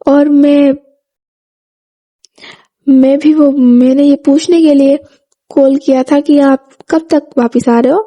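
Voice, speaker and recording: A woman's voice: high voice, fairly even intonation, slow pace, long pauses, dark tone. Woman voicing a friendly, affectionate young woman. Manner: friendly, polite.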